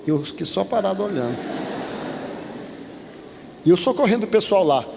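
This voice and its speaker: A man's voice: sits high, very animated, moderate pace, vocal fry, in a large hall, noisy background. A man who is a pastor, speaking, telling a personal story as part of a sermon and acting out the voices of the people in it. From Brazil. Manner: storytelling, acts out quoted voices. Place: church.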